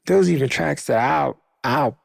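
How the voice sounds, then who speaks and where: A man hosting a podcast, telling a story in slangy, profane casual talk and acting out what people said in a higher voice. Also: measured pace, vocal fry, dry recording, clean studio sound. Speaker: podcast host.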